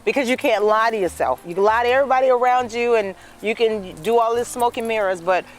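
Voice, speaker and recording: A woman's voice: fairly high pitch, fast talker, a little hiss or hum. A woman around fifty, chatting as an interview guest and telling her story with many "you know"s. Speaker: guest, dress business owner. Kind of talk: casual interview chat.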